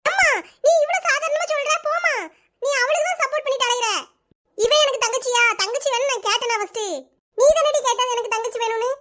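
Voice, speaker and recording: Shrill jealous big sister, cartoon, southern Tamil Nadu accent, voiced by a woman. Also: fast, a bit bright. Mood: whiny. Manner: shrill, complaining, sulky. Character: whiny jealous teen older sister. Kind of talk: cartoon voice acting.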